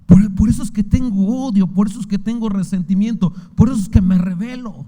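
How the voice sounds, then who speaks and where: A man's voice: high voice, a little fast, dark tone. A man with a Mexican accent preaching a sermon as pastor, firing rhetorical questions at his listeners with fervor. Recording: long hall reverb.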